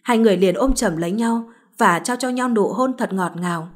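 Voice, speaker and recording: A woman narrating a late-night story in a measured, even reading style. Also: mid-range voice.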